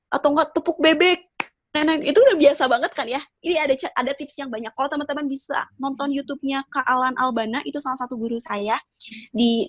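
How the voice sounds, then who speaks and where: Female trainer, slightly high register, conversational and encouraging teaching delivery, dry recording. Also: no echo. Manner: conversational and encouraging, with rhetorical questions. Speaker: public speaking trainer. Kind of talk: informal training talk addressed to learners.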